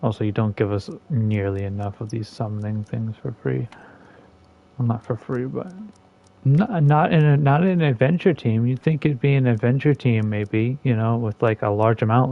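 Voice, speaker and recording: A man ranting sarcastically about a game while playing it, in an exasperated, casual commentary style. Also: muffled recording. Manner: exasperated and sarcastic, with lively swings in pitch and loudness. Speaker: gaming content creator.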